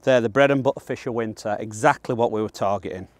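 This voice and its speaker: Out on a pond bank, an angler from northern England, roughly in his thirties, fires off casual how-to commentary as he fishes. He talks fast in a fairly low voice with a Northern English accent, staying plain-spoken, colloquial and matter-of-fact.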